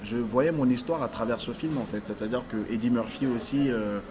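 Born in Africa, this stylist speaks as a guest in a casual interview conversation. His medium-pitched voice halts and restarts phrases while he hunts for words, with noisy surroundings audible.

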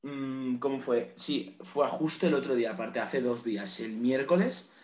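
A man's voice: medium pitch, unhurried, a little mellow. A young man, chatting casually as a podcast co-host, rambling off on tangents and swearing offhandedly. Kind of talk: casual chat. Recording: roomy, dull lo-fi sound.

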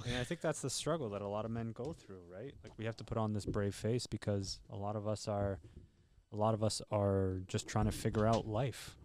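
In a recording studio, a podcast host with a headset mic and headphones interviews his guest, speaking earnestly and encouragingly about men's struggles. His voice is fairly low, a little mellow, and fairly quick, with fairly even intonation, and there's slight background noise.

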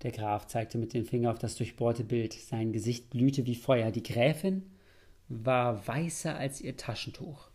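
A man reading a literary audiobook in an expressive, dramatic way. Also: medium pitch, a little slow. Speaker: audiobook narrator.

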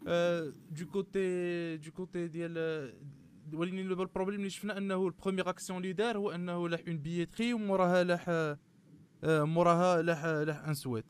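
A man's voice: high-pitched, steady tone, fast, smooth. A man with a Moroccan accent giving analysis in a panel discussion, often dropping French terms into his speech. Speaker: guest commentator on football club marketing.

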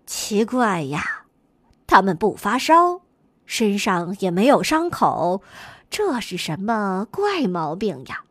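A woman voicing a puzzled old male goat doctor who mutters slowly and apologizes in a storybook. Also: mid-range voice, lively intonation, husky, dry recording, pitched below the performer's own voice.

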